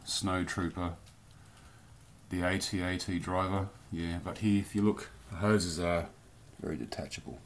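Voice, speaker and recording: A man's voice: deep voice, a little mellow, slight background noise. A man casually reviewing a collectible toy in a rambling, chatty vlog from his home beer cellar. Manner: chatty, rambling, loose slang.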